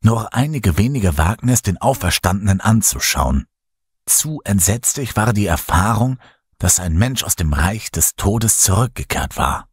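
Male horror audiobook narrator, deep husky voice, very slow and deliberate, dry close sound. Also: big pitch swings, dry recording. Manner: measured, dramatic storytelling.

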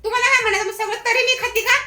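Very high woman, stubborn teasing wife, echoey room, music behind. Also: steady tone, rapid-fire, sharp tone. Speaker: wife in comedy skit. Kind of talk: comic sketch acting.

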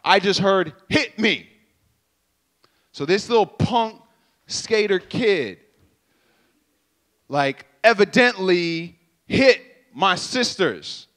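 On a stage in a purple-lit hall at a church youth event, a young man with a handheld mic tells an animated story, acting out sounds and voices and addressing the crowd directly. His voice is high, and he speaks extremely slowly with frequent pauses.

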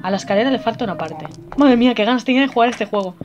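A young woman playing through a horror game, excitable and quick to swear and laugh. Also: on the high side, highs cut off. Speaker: gamer. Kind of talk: let's play commentary. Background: faint game music.

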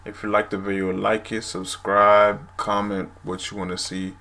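A language video host in his twenties casually walks through words for a camera from a small indoor room at home. He talks at normal speed in a fairly low, gravelly, sharp voice with flat delivery, and the recording is noisy.

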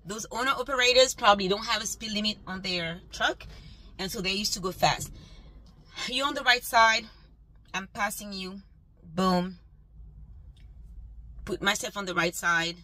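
A woman's voice: mid-range voice, normal speed, long pauses, bright, forceful tone, poor audio. A woman delivery van driver venting in an exasperated, emphatic rant while driving, with road noise behind her. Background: road and engine noise.

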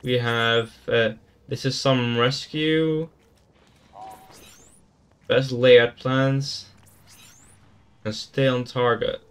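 A man's voice: medium pitch, steady tone, very slow, pauses often, fairly bright tone, smooth. A man giving casual gameplay commentary, thinking aloud in an easygoing way as he explores a game. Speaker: gaming YouTuber.

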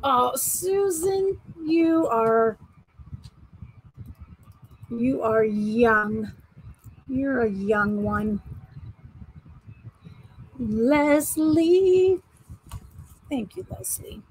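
A woman's voice: on the high side, extremely slow, long pauses, husky, rough recording. A woman in her forties hosting a live online auction, chatting casually, laughing often and greeting viewers by name as she shows items for sale. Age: 40s. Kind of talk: casual live-stream selling chat.

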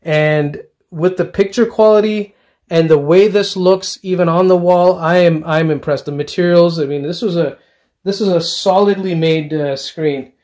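Man, middle-aged, slightly high voice, casual home theater vlog, enthusiastic, hesitant fillers, basement room, handheld camera. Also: normal speed, a little mellow. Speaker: home theater hobbyist vlogger. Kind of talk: casual walkthrough narration.

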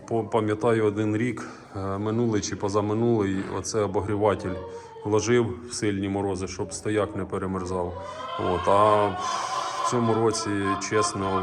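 A man's voice: fairly low pitch, very noisy. A male farmer with a Ukrainian accent, chatting casually while walking through his cold cattle barn and cooing fondly to his cows. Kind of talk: casual farm vlog.

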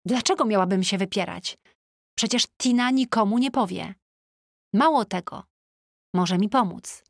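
A woman narrating an audiobook in the first person with a chatty, lively teenage-diary tone, recorded on a close studio mic. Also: mid-range voice, a little slow, dry recording.

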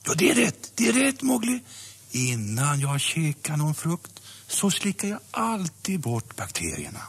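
Baloo, a gravelly jolly bear. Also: male voice, a little high, wildly swooping pitch, exaggerated voice. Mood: amused. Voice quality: gravelly, rough voice. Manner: warm, rambling, stammering, chuckling. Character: big jolly easygoing male bear. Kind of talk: Swedish dubbed audio drama.

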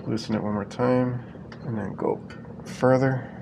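Recorded on a head-mounted action camera, this man narrates his work on a walk-in cooler in a relaxed, plain-spoken way, explaining each step on the job. His voice is medium-pitched and gravelly, he speaks unhurriedly, and there's background noise.

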